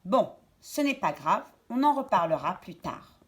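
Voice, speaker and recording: A woman teacher giving a lesson to young children, speaking slowly and clearly and repeating words and syllables. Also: medium pitch, big pitch swings.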